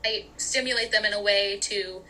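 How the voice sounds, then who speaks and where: A young woman in casual podcast chat, animated and laughing often, with lots of fillers. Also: mid-range voice, normal speed, a little hiss or hum, poor audio.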